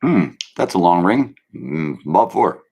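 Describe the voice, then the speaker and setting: A man's voice: sits low, expressive, unhurried, vocal fry, background noise. A man hosting his own online show, ranting loosely and calling his viewers kids. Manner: brash, swaggering, addresses viewers as kids. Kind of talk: rambling live-stream rant.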